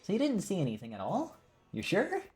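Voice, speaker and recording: A man's voice: high-pitched, wildly swooping pitch, brisk, darkish tone, voice pushed up. A man doing a perky teasing schoolgirl. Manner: teasing, prodding. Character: teen girl student, chatty and teasing.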